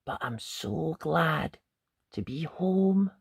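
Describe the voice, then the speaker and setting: A plucky little storybook girl, acted out by a storyteller, earnest and kind. The voice is lifted high and swings expressively, in a dry, close recording. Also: animated, slow pace, vocal fry, slightly rough, no room sound, heavily acted. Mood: tender, happy.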